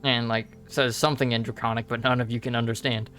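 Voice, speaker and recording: A man narrating a tabletop role-playing game as game master, improvising in halting pieces. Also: medium pitch, little pitch movement, fairly bright tone. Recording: music behind the voice.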